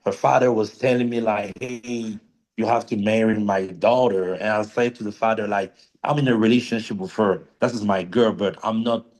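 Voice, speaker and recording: A man's voice: lowish voice, fairly even intonation, normal speed, darkish tone. A man from Cameroon telling his story as a guest in an interview over a video call, hesitant and plain-spoken. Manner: hesitant, simple phrasing with fillers.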